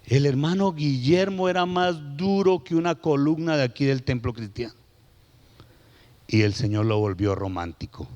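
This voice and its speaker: A middle-aged man preaching a sermon as guest pastor, telling stories with shouted peaks and hushed drops. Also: medium pitch, normal speed, muffled recording. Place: church sanctuary. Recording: long hall reverb of a church.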